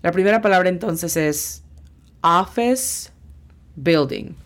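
In a language lesson, a woman teaches English vocabulary, speaking slowly and spelling each word out sound by sound. Her voice is fairly low in pitch and animated.

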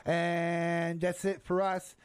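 Joking New man, radio host, slightly high voice. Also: completely flat delivery, slow. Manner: joking, rambling, with stumbling restarts. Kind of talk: casual live radio chat.

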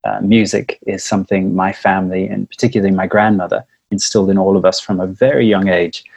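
Gravelly-voiced South African man, low and husky. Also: little pitch movement, quick pace, dry recording. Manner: warm, storytelling, chuckles often. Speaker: lead singer, interview guest. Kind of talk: relaxed conversational interview. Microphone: video call.

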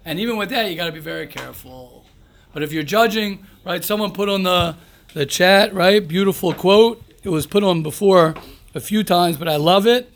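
High-pitched man teaching, emphatic. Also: normal speed. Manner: emphatic, repeats phrases and asks rhetorical questions. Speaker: rabbi teaching a daily class. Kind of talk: informal religious class, reading aloud and commenting.

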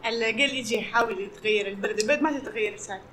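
A woman's voice: fairly high pitch, rapid-fire, a bit bright, a little hiss or hum. A woman with a Sudanese Arabic accent talking casually in conversation. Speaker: employee and conversation partner.

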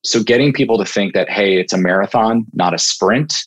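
A staffing-software product evangelist talks as a podcast guest, his explanations loose and conversational. He speaks briskly in a lowish voice with a breathy edge.

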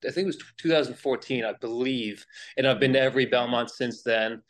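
A man's voice: mid-range voice, a little fast. A man from Long Island with a New York accent, a podcast guest chatting casually in a rambling, self-deprecating way.

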